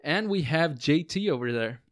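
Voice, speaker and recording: A man's voice: fairly high pitch, animated, normal speed, no room sound, clean studio sound. A man hosting a casual podcast chat at home with friends, easygoing and rambling, with lots of ums. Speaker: podcast host.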